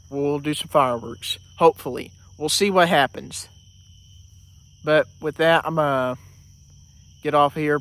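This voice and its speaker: A man's voice: a little high, a bit bright, clean tone. A man vlogging outdoors in a casual, rambling way, full of fillers and restarts, a little out of breath. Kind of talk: casual vlog talk.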